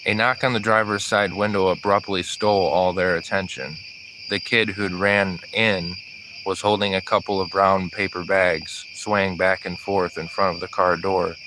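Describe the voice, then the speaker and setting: A man with a very deep voice narrates an audiobook, reading at a steady, even pace. Crickets and insects chirp clearly behind him, as if he were recording outdoors. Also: normal speed, background noise.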